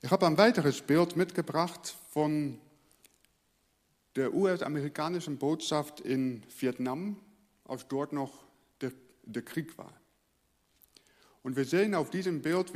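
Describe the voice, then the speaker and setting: A Dutch pastor from the Netherlands, a native speaker, preaches a sermon with earnest feeling, his voice sitting a little high and trailing off at the end of each phrase. He is speaking in a large hall.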